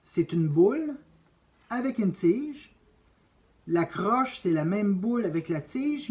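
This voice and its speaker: A man teaching a drum lesson, explaining note values step by step and counting beats aloud. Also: high voice. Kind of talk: music lesson.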